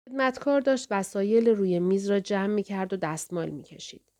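A woman narrating an audiobook in a calm, even storytelling manner. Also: mid-range voice.

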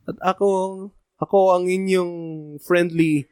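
Mixing Tagalog and English, a young male podcast co-host kids around and talks straight to his audience. He has a high, clear and resonant voice with little pitch movement and a measured pace, recorded at studio quality without echo.

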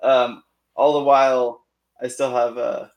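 A man of middle pitch plays in a tabletop game. He describes what his character does in a halting way, stopping often to search for words. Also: level tone, muffled recording. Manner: hesitant, full of "like" fillers. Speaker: player. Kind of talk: casual tabletop game play.

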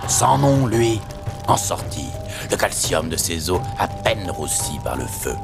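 Very deep-voiced male storyteller. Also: very animated, measured pace, creaky, shouting, music in the background. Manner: suspenseful, theatrical. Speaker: narrator. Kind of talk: dramatic storytelling narration.

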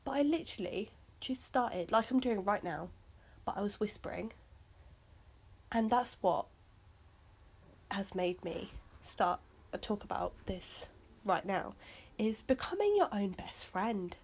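A woman's voice: medium pitch, animated, unhurried, pauses often, a little mellow, breathy edge. A woman hosting her own podcast, chatting casually and rambling with lots of fillers. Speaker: podcast host. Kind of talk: casual solo podcast chat.

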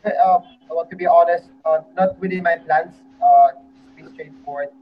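Halting man from the Netherlands, muffled. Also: a little high, fairly even intonation, faint music behind. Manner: hesitant, many fillers. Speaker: football coach. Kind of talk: online panel answers.

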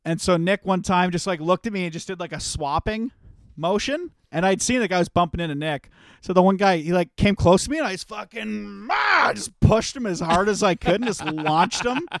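A man's voice: sits high, animated, moderate pace, gravelly, no echo, studio quality. A young man co-hosting a podcast, telling stories in loose, profane casual chat and laughing often. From Canada. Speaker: podcast co-host.

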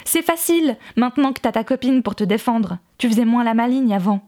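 A woman's voice: a little high, lively intonation, normal speed, a little mellow. A woman voicing a spiteful village mother in her thirties, who mocks with sugary false pity. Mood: hostile.

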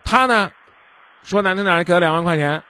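A radio hotline host with a high-sitting, sharp-toned voice speaks briskly on his call-in advice show. He lectures the caller, acts out little dialogues, and keeps asking whether the caller understands.

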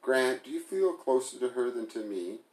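A man's voice: medium pitch, lively intonation, normal speed, a little mellow, voice pushed up, natural voice. A man voicing a hurt, sarcastic young woman. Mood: hurt, pressing. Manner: pleading, bitter, pressing. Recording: roomy echo.

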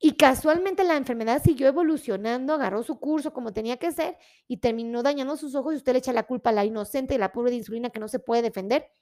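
A high-pitched woman, a doctor talking casually to viewers on a live stream. She is animated and pleading, and she says her requests over and over. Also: fast. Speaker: doctor giving health talks on a live stream.

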